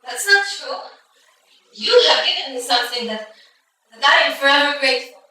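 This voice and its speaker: A woman playing an earnest young woman in love, pleading in her tone. Her voice is high and bright. It is caught at a distance on an echoey stage. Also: lively intonation, moderate pace. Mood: tender. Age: young adult. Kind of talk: stage play acting.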